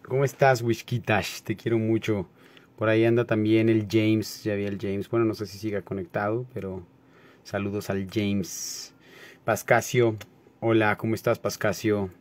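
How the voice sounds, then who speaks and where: A man with a Mexico City accent chatting casually on a late-night livestream, greeting viewers by name in relaxed, slangy talk. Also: lowish voice, moderate pace. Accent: Mexico City Spanish. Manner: laid-back, slangy, greets viewers by name, laughs often.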